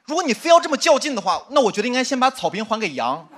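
A man's voice: very high-pitched, sing-song, very fast. A man doing a stand-up set on a studio stage, chatty and confiding, often asking the crowd "you know?". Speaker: stand-up comedian. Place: studio stage with live audience. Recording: loud audience laughter and noise.

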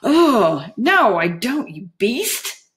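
A woman's voice: mid-range voice, expressive, fairly quick, fairly bright tone, natural voice. A woman voicing a tough young female bodyguard who mocks and scolds the prisoner. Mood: mocking. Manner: mocking, breathless, scolding.

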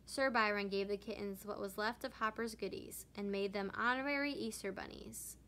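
Woman with a bright storybook voice. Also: mid-range voice, moderate pace. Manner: expressive, animated narration. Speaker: teacher reading aloud. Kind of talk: storybook read-aloud.

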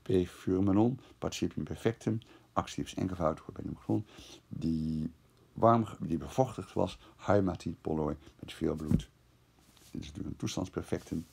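A male teacher talks through a translation one word at a time and reasons aloud as he goes. His voice sits very low and has a gravelly, creaky edge. Beneath it runs a husky grain. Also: normal speed, darkish tone. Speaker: classics teacher. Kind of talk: screencast lesson translating Greek verse.

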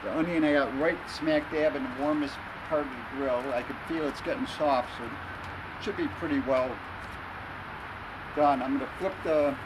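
A man explaining each step as he cooks on an outdoor grill, in a relaxed, casual way. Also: mid-range voice, normal speed. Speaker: home cook. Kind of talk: casual cooking demonstration. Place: outdoor grill in a city at dusk. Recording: outdoor street noise.

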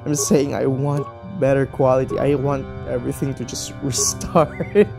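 Hoarse gamer who keeps laughing. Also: mid-range voice, fairly even intonation, normal speed, over music. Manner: laughs constantly as a habit; rambling, chatty rants. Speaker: gaming YouTuber. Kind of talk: casual gameplay commentary. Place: mostly empty room as makeshift studio.

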